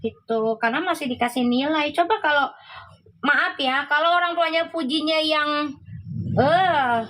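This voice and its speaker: A woman's voice: high-pitched, normal speed, bright, forceful tone, rough recording. A woman hosting a casual livestream, chatting and reacting to viewer comments, laughing often.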